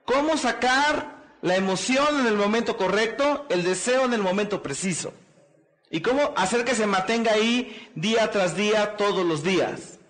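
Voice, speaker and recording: High-pitched and fairly bright, the man speaks expressively at a normal speed. He's a motivational speaker at a seminar, preaching in repeated stirring phrases and drawing call-and-response from the crowd with questions like "¿qué?" and "¿verdad?"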